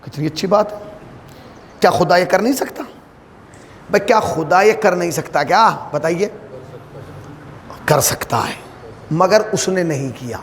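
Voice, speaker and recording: A man's voice: high-pitched, pauses often. A male cleric from northern India delivering a sermon at a mourning gathering, telling a story with animation and firing rhetorical questions at the audience. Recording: long hall reverb, faint noise.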